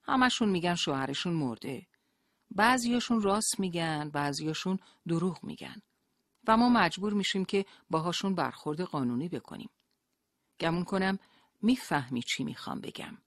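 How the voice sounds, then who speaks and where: Polite male interrogator, as read by a narrator, feigned calm, pressing questions, dry close voice. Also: mid-range voice, dry recording, pitched above the performer's own voice, natural voice. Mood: cool pressing.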